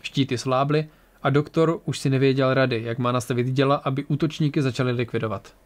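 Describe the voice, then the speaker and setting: A man's voice: mid-range voice, fairly even intonation. A man narrating an amateur audiobook in a plain reading voice with occasional restarts.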